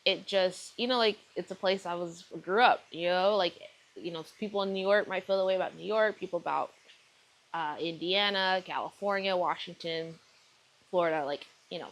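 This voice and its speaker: A woman in her 30s from Texas, United States, speaks with a fairly low pitch at a moderate pace on a low-quality recording. The vlogger talks casually to camera in a rambling video diary packed with fillers and self-corrections.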